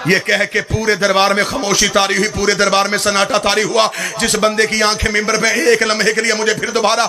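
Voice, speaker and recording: A male preacher giving a sermon, chanting and shouting his lines with long drawn-out phrases. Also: high-pitched, completely flat delivery. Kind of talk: Shia majlis sermon. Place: gathering hall before a crowd. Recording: loud crowd and music behind.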